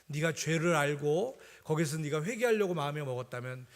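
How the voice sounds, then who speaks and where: A man's voice: a little high, animated, brisk. A male pastor giving a conversational sermon, telling a story with many fillers. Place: church sanctuary. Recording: reverberant church hall.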